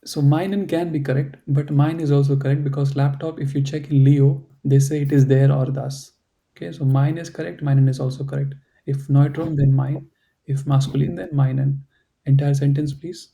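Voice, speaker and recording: A man teaches a German class over a video call in a gravelly, dark, mid-range voice with a level tone and moderate pace. English isn't his first language, and he explains patiently, filling his speech with "you know" and "right."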